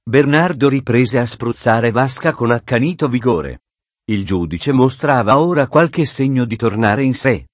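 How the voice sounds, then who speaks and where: A man reading a storybook aloud in steady, measured narration. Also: mid-range voice, no echo.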